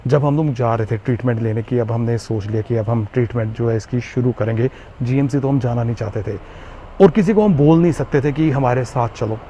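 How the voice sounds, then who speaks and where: A man's voice: medium pitch, brisk, mellow. A man with a Jammu Hindi accent telling an interviewer about his illness in an earnest, repetitive way, full of fillers. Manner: earnest, repeats himself, frequent fillers. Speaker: interviewee, Covid survivor. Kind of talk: recounting personal story in interview. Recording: slightly muffled with faint background noise.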